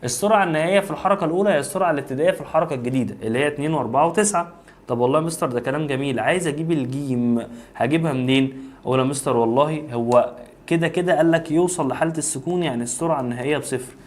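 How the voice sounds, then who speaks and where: A man's voice: on the high side, racing. A man with an Egyptian accent teaching a physics review lesson, reasoning aloud step by step and addressing the student directly. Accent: Egyptian Arabic.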